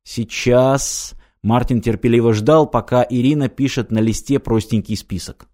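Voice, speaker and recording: A man narrating an audiobook in a calm, measured way. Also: medium pitch. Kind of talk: scripted narration.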